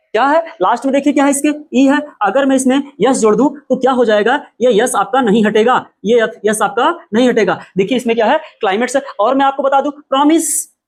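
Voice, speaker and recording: A man teaching an English spelling lesson, who asks his own questions, answers them and repeats every point. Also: extremely high pitch. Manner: spells out words letter by letter.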